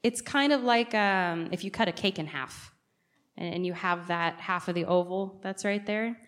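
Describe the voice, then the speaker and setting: This native English-speaking woman, preaching as a guest in church, has a mid-range, fairly bright voice and a moderate pace. Her sermon is conversational, and she regularly poses direct questions to the congregation.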